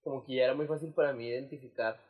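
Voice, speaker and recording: Brief: young man, co-host, chatty storyteller, restarts a lot, medium pitch. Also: fairly even intonation, very fast, narrow, tinny audio. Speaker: podcast co-host. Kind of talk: casual chat.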